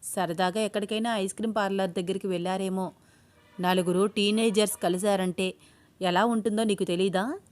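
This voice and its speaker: A woman's voice: medium pitch, fairly even intonation, normal speed, natural voice. A woman voicing a kindly, easygoing middle-aged mother in a spoken storybook. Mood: cheerful.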